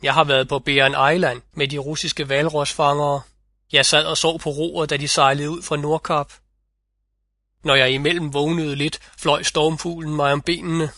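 A man's voice: fairly high pitch, little pitch movement, sharp tone, no echo, studio quality. A man doing the boastful North Wind spirit. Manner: boastful, vivid storytelling. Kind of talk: audiobook fairy-tale reading.

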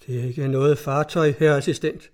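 A man's voice: on the high side, steady tone, a little mellow, lightly acted. A man voicing a frightened male sailor who answers timidly with a trembling voice, in a read-aloud story. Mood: terrified.

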